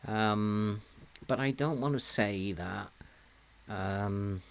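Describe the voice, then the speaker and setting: Slow-talking guy in his 60s, chuckly and self-mocking, playing a game and chatting. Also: on the low side, creaky, a little hiss or hum. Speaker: let's play host. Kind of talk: casual game commentary.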